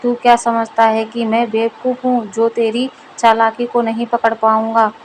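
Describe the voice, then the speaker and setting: A woman voicing a stern rich male village moneylender who scolds and threatens in a gruff manner. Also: a little high, completely flat delivery, moderate pace, a little hiss or hum, lightly acted, rough recording. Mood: angry.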